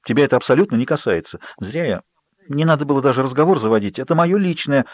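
A defiant young woman's voice jumps high and sharp in indignant outbursts, as a male reader puts her on. The recording is dry and a little dull. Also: expressive, fast, no echo, close to an everyday voice.

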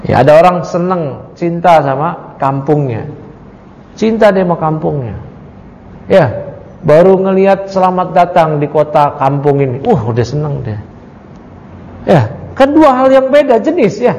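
In a study circle, a man teaching a creed text recites Arabic lines and unpacks them with relaxed jokes and questions for the audience. He speaks unhurriedly with frequent pauses and lively intonation, his slightly high, slightly mellow voice heard with long hall reverb and cut-off highs.

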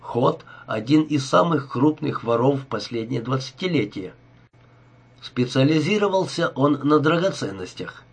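A man's voice: medium pitch, expressive, moderate pace, creaky, slightly rough. A man voicing a nervous, greedy male nightclub owner who sounds anxious and flustered, in an audiobook reading. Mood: uneasy.

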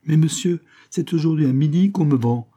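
A man's voice: on the high side, normal speed, dark tone, voice pushed up, close to an everyday voice. A man doing a desperate, pleading debtor. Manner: pleading, anxious. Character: timid, desperate poor male debtor.

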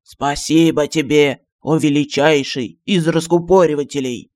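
A pompous old genie and royal stargazer, voiced by a man, fussy and easily offended. He swings between grumbling and grand declarations in a fairly high voice. A storybook figure with an odd, unusual timbre. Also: darkish tone, lightly acted. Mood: overjoyed. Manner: grandiose and touchy, flares up fast. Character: pompous excitable old male genie astrologer.

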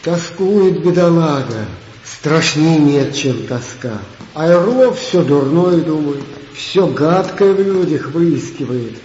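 A man playing a compassionate, trusting soldier in a war drama, with a plaintive, gently reproachful manner. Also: a little high, expressive, takes it slowly. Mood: sorrowful, reproachful. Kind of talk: stage war drama dialogue. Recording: dull echoey hall, faint ambient noise.

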